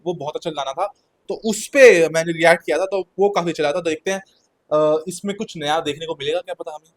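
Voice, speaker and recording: Relaxed man giving casual reaction commentary. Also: sits high. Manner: relaxed, mixes English into Hindi. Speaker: video reactor.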